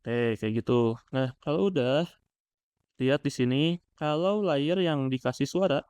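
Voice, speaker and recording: A man's voice: medium pitch, measured pace, darkish tone, clean tone, dry recording. A man teaching step by step as an instructor, in an informal, explanatory screen-tutorial style. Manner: informal, explanatory, checks in with listeners. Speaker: animation software instructor.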